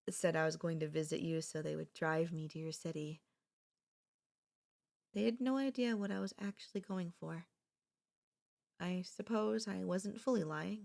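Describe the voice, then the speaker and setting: In an ASMR roleplay, a young woman voices an obsessive, possessive childhood friend, speaking softly with a sweet yet menacing calm and drifting into whispers. Her mid-range voice shows vocal fry, and her mood is pleading.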